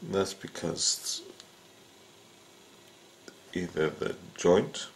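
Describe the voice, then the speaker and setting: Extremely slow and low-voiced, a man casually demonstrates how to repair a fishing rod at an indoor bench. He takes his time and fills gaps with frequent filler sounds. Slight background noise is audible.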